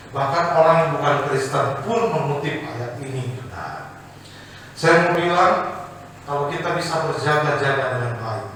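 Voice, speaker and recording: A man preaching a sermon as pastor, telling a story with lively delivery and calling for amens from the congregation. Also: on the high side, slight background noise. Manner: animated storytelling with call-and-response. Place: large church hall. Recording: echoey church hall from a distance.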